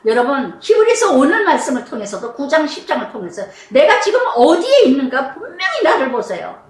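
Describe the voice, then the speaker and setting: Middle-aged woman pastor, high-pitched and animated, preaching casually in a reverberant room. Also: a little fast. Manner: animated, chatty preaching with rhetorical questions. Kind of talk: devotional Bible sermon.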